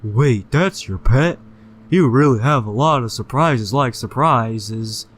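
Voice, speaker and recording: A man's voice: medium pitch, slow pace, voice pushed up. A man voicing a brash, crude female pegasus pony in an amateur fanfic reading.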